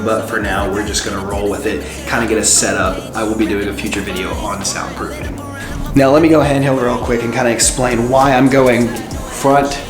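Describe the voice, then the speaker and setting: A man hosting a casual, explanatory vlog in an informal way, recorded in a bare room with a hallway-like echo. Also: medium pitch. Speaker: host, musician and YouTuber. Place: indoors, bare untreated room being made a studio.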